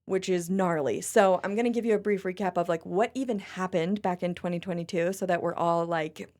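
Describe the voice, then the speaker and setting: A young woman from China co-hosting a podcast in casual chat, animated and quick to laugh. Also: lowish voice. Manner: chatty, animated, laughs often. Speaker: podcast co-host.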